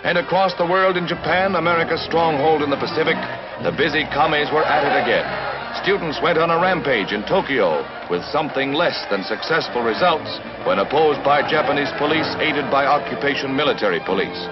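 An old 1950s newsreel narrator, a man with a slightly high voice and an emphatic, declamatory delivery. The sound is dull and lo-fi, like an archive film soundtrack, with orchestral music playing clearly underneath. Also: fairly quick.

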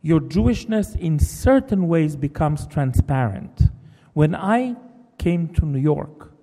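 A man's slightly high, animated voice with a dark tone echoes through a hall's long reverb. He's a novelist, a native Hebrew speaker, offering a reflective talk in English, halting thoughtfully and restarting sentences often.

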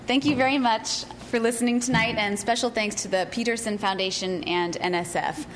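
A woman's voice: fairly high pitch, fairly quick, a little hiss or hum. A woman researcher giving a scientific presentation to an audience. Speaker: researcher presenting her work.

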